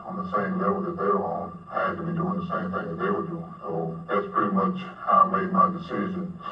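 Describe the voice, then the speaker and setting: A man with a Southern US accent, speaking through a deep pitch-shifted voice disguise, answering interview questions in a halting, casual way full of fillers. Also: roomy sound, distant mic, dull audio. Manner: halting, with many fillers and restarts.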